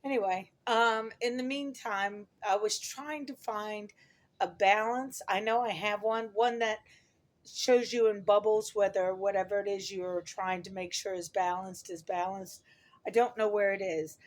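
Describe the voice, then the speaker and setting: A middle-aged woman with a hoarse voice from talking a lot, chatting casually and ramblingly to her viewers as she corrects herself. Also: mid-range voice, fairly even intonation, a little slow. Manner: rambling, self-correcting, chuckles at own remarks. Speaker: vlogger. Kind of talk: casual chat to camera.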